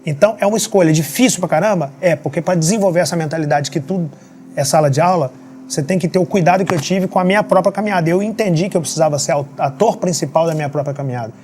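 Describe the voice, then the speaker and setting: A man's voice: a little high, fast, a little mellow, slight background noise. A man, a podcast guest telling motivational stories in an emphatic way, full of rhetorical questions. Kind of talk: motivational storytelling. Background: faint background music.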